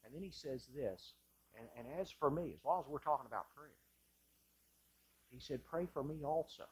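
A man preaches from the pulpit of a church sanctuary, his voice at a middle pitch with a husky, slightly rough edge. He presses hard on some lines and drops almost to a murmur on others. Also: lively intonation, moderate pace. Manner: impassioned preaching, swinging from loud to hushed. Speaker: pastor. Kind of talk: sermon.

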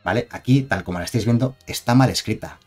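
A man's voice: on the low side, quick pace, soft background music. A man with a Spain Spanish accent giving chatty, digressive live-stream commentary on game cards and reading chat aloud.

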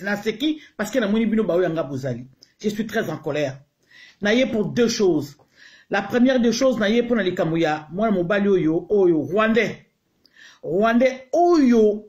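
High-voiced Congolese man streaming live. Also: a little mellow. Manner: repetitive, greets viewers one by one; mixes French and Lingala, heated. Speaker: livestream host. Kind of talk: casual live-stream talk to viewers.

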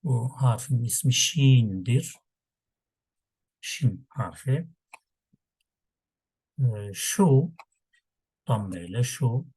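A man teaching a Quran reading lesson, slowly sounding out letters and syllables in patient repetition. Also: mid-range voice, lively intonation, a little mellow, slightly rough, dry recording.

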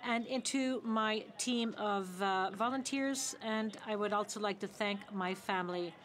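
A woman interpreting live into English in parliament, halting and correcting herself with fillers as she goes. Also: mid-range voice, a bit bright. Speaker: simultaneous interpreter.

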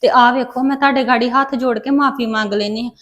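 A woman's voice: on the high side, steady tone, brisk, a bit bright, close to an everyday voice. A young woman playing a meek daughter-in-law who pleads and apologizes to her mother-in-law. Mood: pleading.

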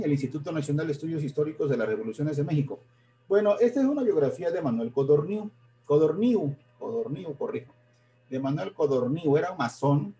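A man lecturing on history over a live stream, his voice a little high for a man yet dark and mellow in tone. He talks in halting stretches, doubles back on words and corrects himself mid-sentence. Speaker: history presenter.

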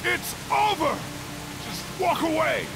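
Enraged, very high-pitched game villain. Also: male voice, very animated, slow, gravelly, background noise, exaggerated voice. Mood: enraged, taunting. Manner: aggressive, swearing, taunting. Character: enraged, taunting young man, beaten but defiant. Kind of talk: dramatic video game acting.

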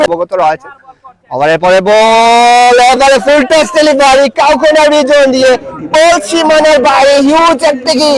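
A man with a Bangladeshi accent doing frantic, excited cricket commentary, stretching out English catchphrases. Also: very high voice, poor audio. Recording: loud crowd noise behind. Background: crowd at an outdoor cricket ground.

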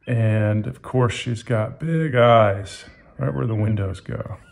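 With vocal fry in a lowish voice and a slow pace, a man in his fifties reads a children's picture book and guides kids through drawing it as its author and illustrator. He keeps the talk casual and simple, offering encouraging asides to young viewers.

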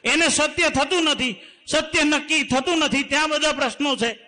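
High, bright-voiced man preaching. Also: normal speed. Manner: tells folk tales and quotes saint poets' verses; earnest, exhorting tone. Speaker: spiritual speaker at a satsang. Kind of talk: devotional sermon with parables.

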